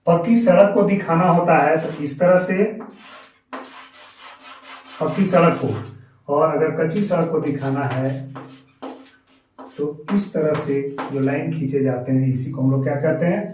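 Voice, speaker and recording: A man's voice: fairly high pitch, normal speed, long pauses, darkish tone, recorded from a distance, slight background noise. Echoey male teacher explaining map symbols. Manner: explains step by step, often repeating a term in Hindi and English. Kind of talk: explaining a school geography lesson. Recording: very echoey room, voice from off-mic.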